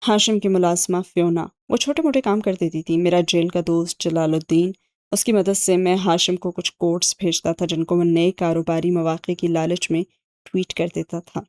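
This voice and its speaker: A sardonic young man, read by a woman narrator explains himself in a dry, sarcastic way. His low voice sounds warm and mellow in a dry, close recording. It comes from a spoken audiobook. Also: fairly even intonation, no room sound, natural voice. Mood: wry. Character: sharp, sardonic young man, ex-agent uncle.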